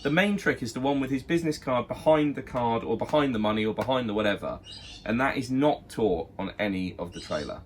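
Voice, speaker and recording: A man's voice: mid-range voice, expressive, a little fast, a little hiss or hum. Blunt man reviewing a trick. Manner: blunt, exasperated critic. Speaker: magic shop review co-host. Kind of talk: casual review chat.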